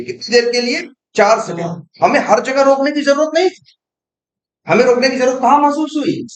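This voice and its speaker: Young male coding tutor, very high voice, quizzes and answers himself, echoey room. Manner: explains with rhetorical questions he answers himself. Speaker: programming teacher. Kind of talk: informal coding lesson.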